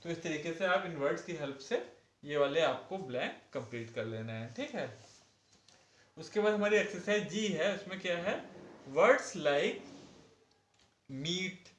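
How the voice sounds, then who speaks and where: A man's voice: a little high, animated, normal speed, reverberant. A man explaining an English lesson to children, patiently spelling out words letter by letter and asking questions. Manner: repeats "ठीक है" and asks questions. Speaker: teacher.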